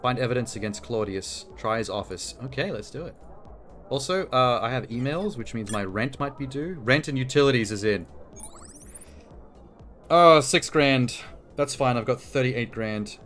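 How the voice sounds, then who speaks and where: A man's voice: medium pitch, animated, moderate pace, fairly bright tone. A man streaming a game with casual, joking, sweary commentary. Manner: irreverent, sweary. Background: game music, keyboard typing.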